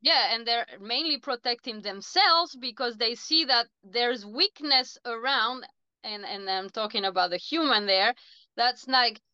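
A woman's voice: on the high side, unhurried, clear, resonant tone, dry recording, highs cut off. A woman from Chile, a dog trainer co-hosting a podcast in casual chat, who animatedly voices what dogs think. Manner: animated, acts out dogs' thoughts in asides.

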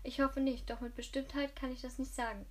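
A woman's voice: sits high, little pitch movement, fairly quick. A woman voicing an elderly, wealthy widow who speaks in a formal, clipped way. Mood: anxious.

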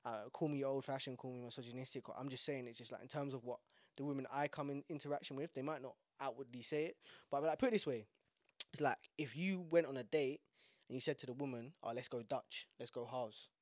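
A man's voice: mid-range voice, fairly even intonation, fast talker, no room sound, studio quality. A young man with a London urban street accent, chatting casually and emphatically in slang on a podcast. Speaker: podcast host.

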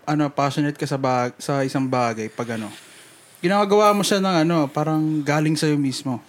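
A man co-hosting a casual podcast, explaining his views at length in a relaxed, reflective way. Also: on the high side, moderate pace, a little hiss or hum. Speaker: podcast co-host.

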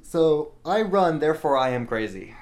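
A man's voice: on the high side, moderate pace. A young man hosting his own channel, telling a long story in a rambling, self-mocking way and acting out what people said. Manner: rambling, animated, self-mocking, acts out quotes. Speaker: channel host. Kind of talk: casual storytelling monologue. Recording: roomy echo.

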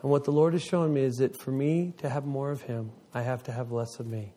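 A man in his fifties giving an emotional testimony to his congregation as its ministry leader. He tells the story with great animation, and his voice surges high whenever he gets excited. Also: brisk. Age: 50s.

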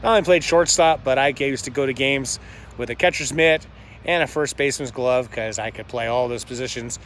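A man's voice: mid-range voice, fairly quick, fairly bright tone. Man, 50s, from Georgia US, casual storytelling to camera, rambling, chatty, handheld camera outdoors, faint street and construction noise. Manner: rambling, chatty, with frequent fillers and self-corrections. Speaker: vlogger. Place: outdoors in front of his house, near construction. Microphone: handheld camera held by the speaker.

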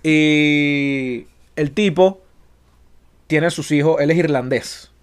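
A young man with a Venezuelan Spanish accent, co-hosting a casual podcast chat, animated and jokey, acting out quotes as he tells stories. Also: a little high, takes it slowly, clean tone. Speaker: podcast co-host.

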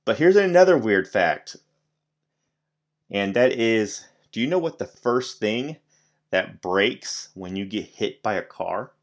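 A man's voice: lowish voice, sing-song, takes it slowly. A man hosting a solo podcast, rambling casually with lots of fillers, restarts and offhand swearing. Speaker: podcast host.

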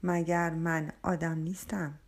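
A woman's voice: deep voice, level tone, pitched below the performer's own voice. A woman voicing a touchy, defensive drunk man who frequents a tavern, in a storybook reading. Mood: sulky. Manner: defensive, quick to take offence.

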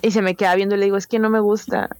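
A woman's voice: medium pitch, flat delivery, rapid-fire, a little mellow, no room sound, clean studio sound. A young woman with a Mexican Spanish accent, telling a personal story in a candid, slangy way with many fillers. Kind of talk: casual storytelling chat.

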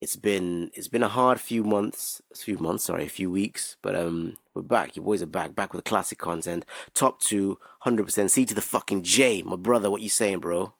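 A man's voice: deep voice, normal speed, vocal fry, few pauses, no echo. A man, bantering cockily in street slang and swearing as a podcast host. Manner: cocky, swearing.

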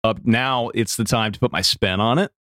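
A man's voice: lowish voice, normal speed, fairly bright tone. A man co-hosting a gaming podcast, eagerly chatting about his game-master preparation. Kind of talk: casual chat.

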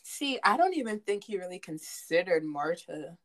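A young adult woman in a casual chat about a movie. She is animated and stumbles over her words when excited. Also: lowish voice, moderate pace.

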